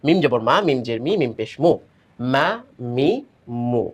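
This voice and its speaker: A man teaching Quran reading, slowly drilling syllables and explaining where the tongue should touch. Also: medium pitch, darkish tone. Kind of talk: step-by-step pronunciation lesson.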